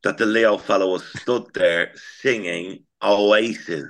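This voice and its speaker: Low-voiced relaxed podcast co-host. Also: male voice, takes it slowly. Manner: relaxed, prompting his co-host. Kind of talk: casual chat.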